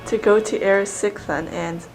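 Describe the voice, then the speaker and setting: A woman's voice: mid-range voice, steady tone, normal speed, music in the background, natural voice, rough recording. A woman playing a nymph messenger who delivers a goddess's orders formally, in an amateur stage play.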